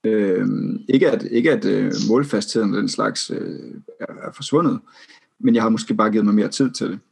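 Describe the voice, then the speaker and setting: A man's voice: on the low side, creaky, breathy edge. A man appearing as a podcast guest, reflective and hesitant, with many fillers. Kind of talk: casual podcast conversation.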